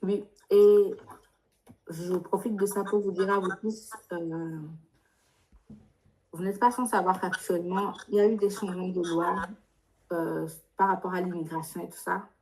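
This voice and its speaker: Her lowish, slightly mellow voice keeps a fairly even intonation and a measured pace, though the recording is rough. As adviser for an international students' workshop, she explains things on the spot in a live Q&A, pressing insistently and asking probing questions.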